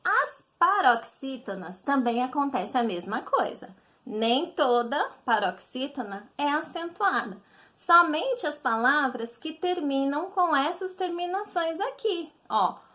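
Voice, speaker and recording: A woman's voice: sits high, very animated, slow, sharp tone. A woman teacher with a Brazilian Portuguese accent, patiently explaining a recorded lesson to children and checking in often.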